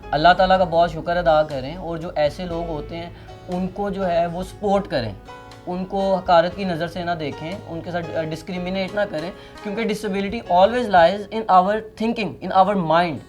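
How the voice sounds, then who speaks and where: A man's voice: high voice, steady tone, soft background music. Earnest man giving a message. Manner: earnest, persuasive.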